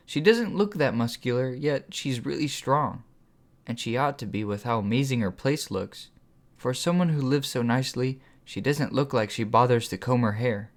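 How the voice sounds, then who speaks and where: A man narrating his own first-person audiobook. His voice sits at an average pitch, and he reads in a steady, measured way.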